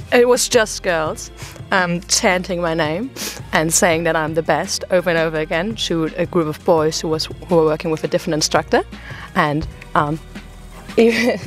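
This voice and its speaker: A young woman from Germany, a native German speaker, chatting casually about volunteering with an easygoing manner and frequent chuckles. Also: lowish voice. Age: young adult. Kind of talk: casual group chat.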